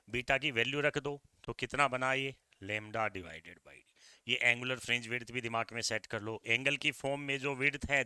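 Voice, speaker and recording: A middle-aged man with an Indian accent teaching an exam-prep physics lecture, energetic and repeating key points while coaxing his students. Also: mid-range voice, clean tone, dry recording, studio quality.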